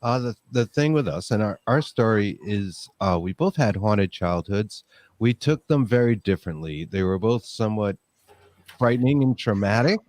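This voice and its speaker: Male podcaster guest, lowish voice, dry close sound, relaxed storyteller. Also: moderate pace, no room sound. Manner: friendly, easygoing storyteller. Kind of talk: casual interview talk.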